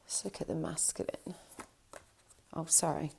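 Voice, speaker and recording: A woman with a croaky, gravelly voice, still recovering from an illness, chatting warmly while she draws tarot cards. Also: sits low, steady tone, unhurried, slight background noise. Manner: chatty, reassuring, thinks aloud while drawing cards. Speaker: tarot reader. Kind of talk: casual tarot reading.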